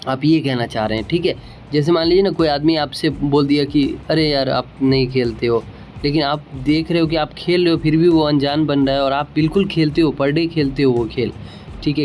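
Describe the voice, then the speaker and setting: A man with an Indian accent teaching English grammar in a casual spoken lesson, patiently explaining and repeating example sentences slowly. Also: on the high side, a little mellow.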